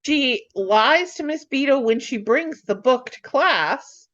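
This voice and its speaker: Woman, casual recap chat, excitable, acts out lines, slightly muffled recording. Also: sits high. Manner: excitable, acts out characters' lines in quick voices. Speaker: podcast co-host.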